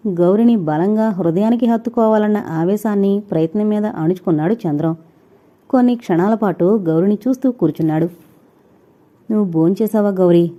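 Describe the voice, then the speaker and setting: A woman narrating a novel in a steady, even storytelling manner. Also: medium pitch, a little fast, highs cut off. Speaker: audiobook narrator.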